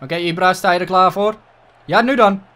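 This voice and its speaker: A man with a Dutch accent giving casual gameplay commentary, excitable and swearing a lot, dropping English exclamations into his talk. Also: high-pitched, brisk. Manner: excitable, frequent swearing and frustrated outbursts. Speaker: gaming YouTuber.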